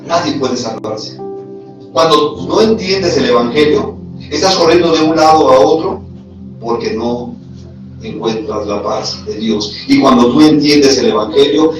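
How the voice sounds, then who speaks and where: A man's voice: medium pitch, a little slow. A man preaching a sermon as pastor, in a conversational way full of rhetorical questions. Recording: echoey hall, voice from far off, music behind.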